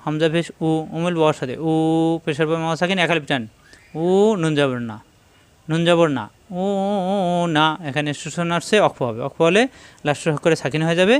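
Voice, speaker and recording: A man teaching Quran tajweed, quickly spelling out letters and marks, then reciting verses slowly and melodiously. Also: fairly high pitch, clear, resonant tone, no echo.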